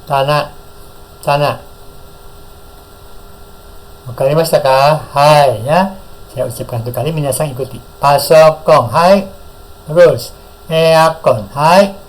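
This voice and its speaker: A man with an Indonesian accent teaching a Japanese class, drilling words slowly and praising the learners often. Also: a little high, poor audio. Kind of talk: classroom lesson with call-and-repeat drills.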